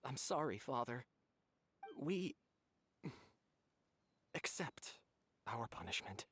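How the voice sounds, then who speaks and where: An actor playing a guilt-ridden, earnest young man bound by rules, halting and remorseful. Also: medium pitch, sing-song, fairly bright tone, a little hiss or hum. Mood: resigned.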